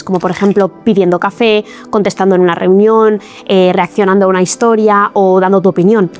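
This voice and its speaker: Woman, English teacher, scripted video lesson, clear and encouraging, faint music behind. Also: mid-range voice, darkish tone.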